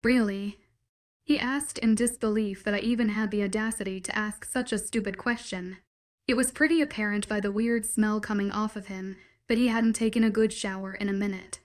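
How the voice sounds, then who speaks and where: A woman's voice: mid-range voice, fairly even intonation, a little fast. Wry woman narrating a story. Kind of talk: first-person audiobook narration.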